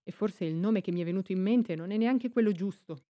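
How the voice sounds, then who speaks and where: A woman's voice: mid-range voice, a little fast, warm tone, no echo, studio quality, close to an everyday voice. A woman voicing a nervous, hesitant young boy in an audiobook. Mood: anxious. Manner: agitated, hesitant.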